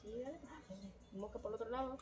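A woman chatting casually while gaming, slangy and excitable. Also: on the high side, fast talker, highs cut off. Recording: noticeable background noise.

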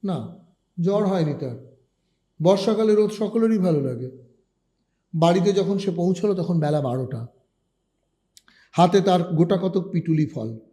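Calm, mellow male storyteller. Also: high voice, measured pace, long pauses. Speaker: story reader. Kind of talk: storytelling reading of a short story.

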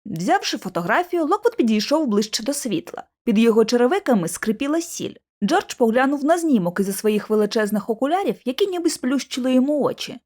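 Expressive woman reading a storybook. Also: a little high, quick pace. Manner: expressive first-person telling. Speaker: audiobook narrator. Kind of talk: storybook narration.

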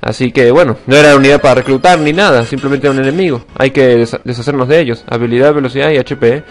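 A young man giving casual let's-play commentary, excitable and swearing, shouting when attacks miss. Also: mid-range voice, quick pace, soft background music. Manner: excitable, swears a lot, sudden shouts at misses. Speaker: gaming channel host.

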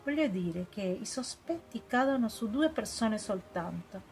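A woman reading the part of an elderly English spinster detective, gentle and hesitant, searching for her words. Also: on the high side, expressive, measured pace, low-quality recording. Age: older. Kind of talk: audiobook character reading.

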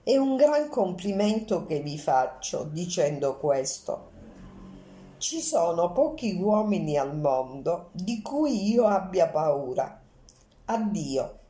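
A woman's voice: lowish voice, sing-song, slow, warm tone, roomy sound. A woman doing a cool, elegant countess. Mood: coolly amused. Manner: light, polite, detached.

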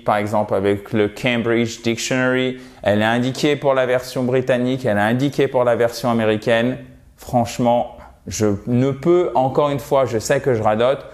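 A man's voice: medium pitch, darkish tone. A man teaching an online lesson about English pronunciation in a chatty, encouraging way, often checking in with the viewer.

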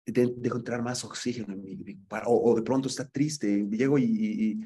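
A man's voice: fairly low pitch, steady tone, brisk, mellow, slightly rough. A man teaching an acting class, giving students earnest feedback and often repeating words as he searches for the next one.

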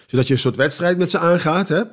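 A man who performs cabaret, telling rambling, animated anecdotes with many restarts in a casual podcast interview. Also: on the high side, quick pace.

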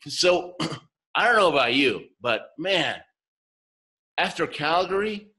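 A man in his fifties, a guest on a video call from his home, telling stories with bright enthusiasm. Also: fairly high pitch, very animated, slow, rough recording. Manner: enthusiastic storyteller, grins while talking. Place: home room indoors.

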